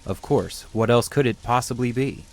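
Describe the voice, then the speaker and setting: A man narrating a horror game as a grim villager, speaking in a measured, solemn way. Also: medium pitch, natural voice. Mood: grave.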